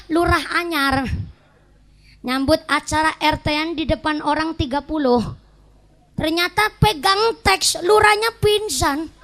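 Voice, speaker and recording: A woman preacher with a high voice and a Banyumas Javanese accent delivers a comic sermon. She tells playful stories and slips regional dialect words into her talk. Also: fairly bright tone. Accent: Banyumas Javanese (Ngapak). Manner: jokey storytelling, mixes regional dialect words into Indonesian. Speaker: Islamic preacher. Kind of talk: humorous sermon.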